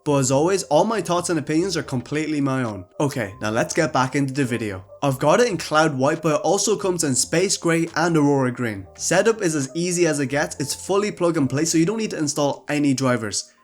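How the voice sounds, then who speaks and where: A man's voice: fairly high pitch, expressive, brisk, few pauses. A young man with an upbeat, casual manner, giving a scripted tech product review with gamer slang. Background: faint background music.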